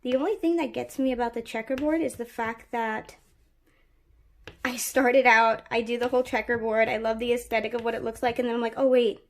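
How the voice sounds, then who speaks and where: Woman chatting thru a craft tutorial, kinda high voice, lots of um and you know while she works. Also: steady tone, a little fast. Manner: chatty, thinking aloud with fillers and restarts; working with her hands while talking. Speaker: craft channel host. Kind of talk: casual craft tutorial talk.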